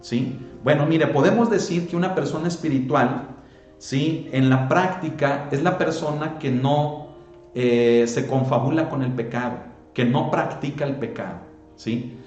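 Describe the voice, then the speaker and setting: A man's voice: medium pitch, a little slow, a little mellow. A man with a Mexican accent preaching a sermon as pastor, asking rhetorical questions and often addressing the listeners as "hermano". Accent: Mexican Spanish. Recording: roomy, dull lo-fi sound with faint music.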